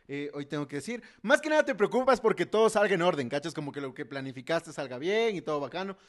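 A man's voice: fairly high pitch, expressive, fast. A young man co-hosting a comedy podcast, telling a story in a chatty way and laughing often. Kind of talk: casual comedy podcast chat.

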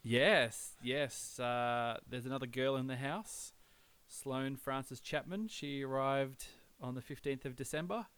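A laconic Australian man hosts a casual podcast. His voice is clear and smooth, with a laid-back drawl. The recording is close and dry, with no room sound. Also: medium pitch, a little slow, few pauses, fairly bright tone, no room sound. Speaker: podcast host.

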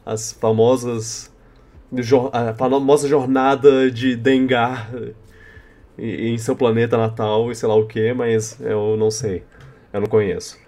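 Halting Brazilian man chatting on a podcast. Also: mid-range voice, little pitch movement, mellow. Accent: Brazilian Portuguese. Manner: halting, rambling, repeats words. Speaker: podcast host. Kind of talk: casual unscripted podcast chat.

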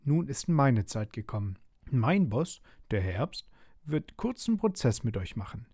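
A man's voice: mid-range voice, very animated, a little slow, warm tone, husky, dry recording, studio quality, exaggerated voice. A man voicing an arrogant autumn chrysanthemum in a bedtime storybook, talking in a sneering, mocking way. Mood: smug.

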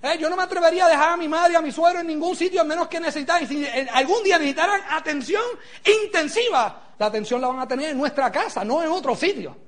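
A man giving an animated motivational talk to a live audience, often tossing in a rhetorical "eh?" and acting out quotes. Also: very high-pitched, fast, hardly any pauses. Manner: animated, rhetorical, keeps asking "¿eh?", acts out quotes. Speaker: motivational speaker.

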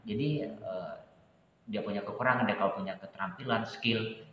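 A man speaking as an interview guest, hesitant with many pauses and restarts, growing lively as he recounts events. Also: lowish voice, a little hiss or hum. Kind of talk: candid personal conversation. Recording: echoey room, dull sound.

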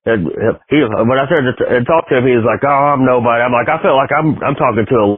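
Husky hoarse male podcast host. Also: medium pitch, quick pace, no echo. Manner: rambling, laughs often, restarts sentences. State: hoarse after illness. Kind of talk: casual interview chat. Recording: tinny phone-like dry sound.

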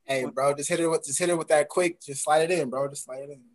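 A man's voice: fairly high pitch, fairly even intonation, fast talker. A man in his twenties co-hosting a podcast, teasing the others in a casual, slangy way. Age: 20s. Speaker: podcast co-host. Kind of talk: casual chat.

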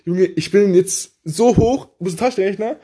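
Young man with a mellow, slightly high voice. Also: moderate pace, breathy edge. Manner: teasing, joking replies in youth slang. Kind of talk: casual chat.

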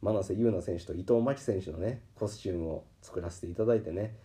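A man with a Kansai accent hosting a podcast, telling a story in a casual, animated way and acting out the people he quotes. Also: low-pitched, quick pace. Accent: Kansai Japanese. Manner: animated, acts out quoted voices. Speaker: podcast host. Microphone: podcast microphone.

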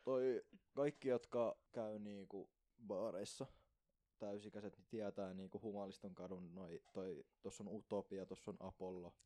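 Low mellow-voiced young man. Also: fairly even intonation. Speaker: podcast host. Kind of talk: casual podcast chat.

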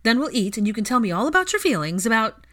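A woman voicing a brash, teasing young woman who is the heroine's bold friend, in a loud, bossy way. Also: mid-range voice, very animated, brisk, pitched above the performer's own voice.

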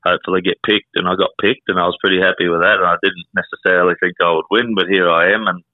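Over a dry, muffled phone-like line, a young man speaks in a deep voice with a rural Queensland accent. He chats casually and plainly, like an interview guest telling his own story. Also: fairly even intonation, fast, no room sound. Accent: rural Queensland Australian. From Queensland, Australia. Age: 20s. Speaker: country singer and rodeo cowboy, interview guest.

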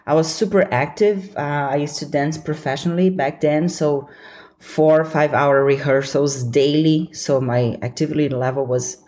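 Her voice sits low and warm, with fairly even intonation at normal speed. She's a young adult podcast host from Brazil, offering encouraging, earnest motivational talk alone and laughing easily.

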